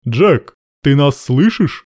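A man's voice: on the high side, expressive, takes it slowly, a little mellow, no room sound, pitched above the performer's own voice. A man voicing a cool, commanding male major with dry irony in an audiobook. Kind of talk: audiobook narration.

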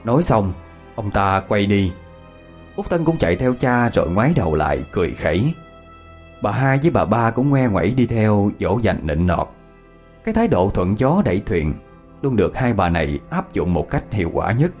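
A man narrating a ghost story, expressive and dramatic. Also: on the low side, normal speed. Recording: faint background music.

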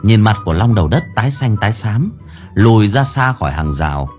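A man narrating a comic story in a lively, playful storytelling manner. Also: on the low side, a little fast. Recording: faint background music.

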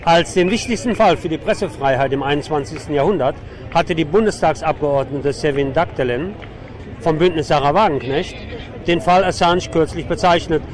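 Amid the loud traffic of a city street, a man with a rather high voice files an on-the-spot radio report from an outdoor protest on an avenue. He talks at normal speed, and his take is opinionated and sardonic.

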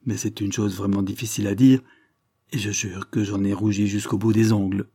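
A man's voice: lowish voice, flat delivery, brisk, dark tone, slightly rough, no room sound, studio quality. A man reading aloud, voicing a scheming, honey-voiced female lady's maid in a wheedling, melodramatic way.

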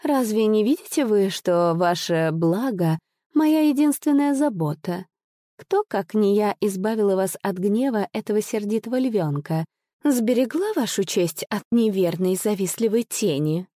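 A woman's voice: mid-range voice, expressive, measured pace, mellow, no room sound, clean studio sound. A woman voicing a mysterious noble lady who speaks in a sing-song, lightly mocking way. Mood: sweet.

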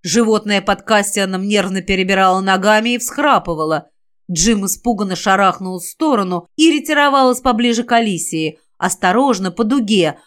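Woman reading a fantasy audiobook. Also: mid-range voice. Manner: measured, even reading, voices characters. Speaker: audiobook reader. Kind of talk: scripted narration of a fantasy novel.

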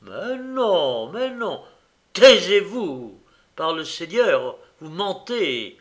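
A man's voice: on the high side, animated, takes it slowly, pitched above the performer's own voice, heavily acted. A man voicing an old, tormented gambler who turns desperate and furious. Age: older. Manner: anguished, rising to shouted rage.

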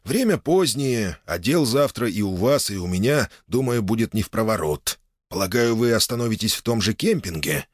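A man's voice: on the low side, big pitch swings, normal speed, a bit bright, dry recording, studio quality, voice pushed up. A man voicing a grumpy, formal old nobleman in his eighties in an audiobook. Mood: curt displeasure. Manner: stiff, displeased, formal.

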